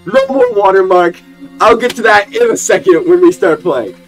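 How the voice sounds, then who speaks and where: A young man giving jokey, excitable let's play commentary and talking to the game characters. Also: high-pitched, normal speed, faint music behind, rough recording. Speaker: gaming YouTuber.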